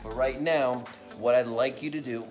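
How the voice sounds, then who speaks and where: Music plays behind a mid-range male voice with fairly even intonation and normal speed. He's a pastor in his thirties at a home dining table, leading children through a playful how-to step by step and repeating each instruction. The camera sits on the table.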